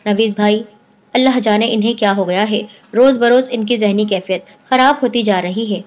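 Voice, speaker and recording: A woman's voice: mid-range voice, steady tone, natural voice. A woman voicing a worried young wife who speaks with anxious urgency.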